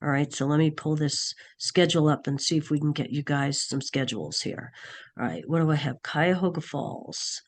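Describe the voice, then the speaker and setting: Hoarse woman teacher with a cold, raspy, halting, thinks aloud mid-sentence, video-call class. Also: sits low. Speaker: nursing class instructor. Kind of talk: online class session.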